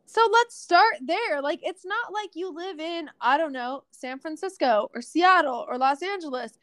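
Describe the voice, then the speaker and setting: A high-pitched young woman talking fast and loose on a podcast, full of "like" and quick asides. The sound is dry and close, with no room around her. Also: no room sound. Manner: chatty, animated, lots of "like". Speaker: podcast co-host. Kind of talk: casual podcast chat.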